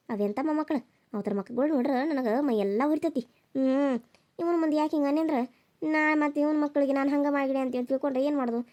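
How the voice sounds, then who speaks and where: A sharp-tongued, scheming older village mother-in-law from a cartoon serial, voiced by a woman. She speaks with a North Karnataka accent. She scolds at a fast clip in a high, shrill voice, recorded dry and close. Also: no echo, lightly acted. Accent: North Karnataka Kannada. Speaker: voice actor.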